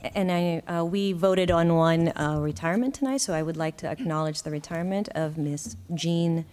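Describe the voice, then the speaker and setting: A woman chairing a school board meeting, calling for motions and questions in a brisk procedural way. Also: fairly low pitch, fairly even intonation, a little mellow, clean tone.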